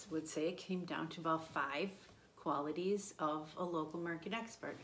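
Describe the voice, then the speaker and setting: A woman in her fifties, a real estate agent, speaks directly to the camera from a room in her home by a window, pitching her services in a promotional talk. Her slightly low voice works through her points in order with steady confidence.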